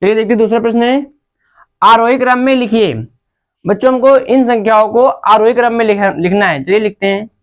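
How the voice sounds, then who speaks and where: A woman's voice: on the high side, fairly quick, muffled recording. A woman teaching a maths lesson to children, patient and step by step, often calling out to the kids. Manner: patient, repeatedly addresses the children.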